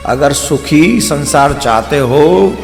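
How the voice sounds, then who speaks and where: A man's voice: fairly high pitch, animated, slow, gravelly. Playful male preacher in a reverberant hall. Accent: Braj Hindi. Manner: storytelling with playful asides to the audience. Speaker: spiritual preacher. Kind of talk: devotional katha sermon. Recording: long hall reverb with faint music.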